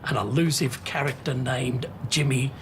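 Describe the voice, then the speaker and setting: A man speaking as a football historian in a measured, serious manner. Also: mid-range voice, fairly even intonation, background noise.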